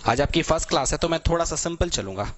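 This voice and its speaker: A man's voice: fairly high pitch, animated, fast. A young man teaching vocabulary to exam students, explaining step by step with everyday examples and a constant "okay" between points. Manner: explanatory, repeats "thik hai" constantly, tells everyday examples.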